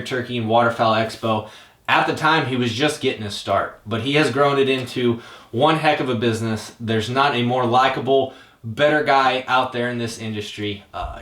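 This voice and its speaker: A man with a mid-pitched voice hosts a hobby video series in a roomy, echoing space. His delivery is informal and plain-spoken, a casual introduction to viewers. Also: fairly bright tone. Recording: echoey, roomy sound.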